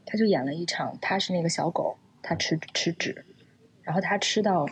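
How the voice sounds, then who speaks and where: Lady host, lowish voice, gentle probing questions, faint hiss. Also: normal speed, poor audio. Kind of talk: conversational interview.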